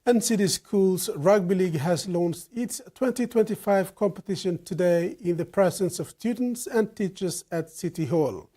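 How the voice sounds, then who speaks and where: A man reading the evening news in a measured, formal way. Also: high voice, mellow. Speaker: news presenter.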